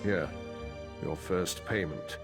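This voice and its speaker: Slow and sitting low, this actor's voice plays a fantasy game's councilor, a dignified man worried for his child. He keeps a formal, resolute mood and a grave, stiff manner while music plays in the background.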